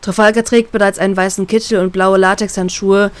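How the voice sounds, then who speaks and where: A woman reads a first-person fan-fiction story aloud at an average pitch. Her narration is calm and even. The recording is dry and close. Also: brisk, smooth, no echo. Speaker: reader, narrator.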